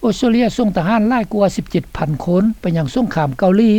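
For a radio report, a woman reads scripted documentary narration in a medium-pitched, dark voice that is animated and fast. The recording is dry, dull, and slightly lo-fi, with a studio sound.

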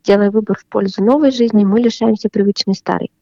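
A woman psychotherapist giving calm, measured advice on a radio program. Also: medium pitch, no room sound, muffled recording.

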